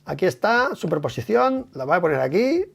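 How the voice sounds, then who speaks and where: A man with a Spain Spanish accent, giving a casual, emphatic live stream analysis of a motorcycle race, swearing and tagging his points with quick questions. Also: high-pitched, vocal fry, breathy edge. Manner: animated, emphatic, swears, many tag questions.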